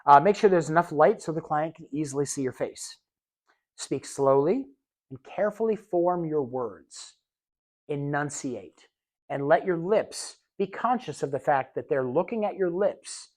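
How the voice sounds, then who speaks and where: A man leads a caregiver training lesson in a loose, conversational way. He throws in fillers and quick asides. Now and then he slows down to show careful, exaggerated enunciation. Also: a little high, expressive. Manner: casual, conversational teaching with many fillers and asides; demonstrates slow exaggerated enunciation. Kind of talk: recorded classroom lecture.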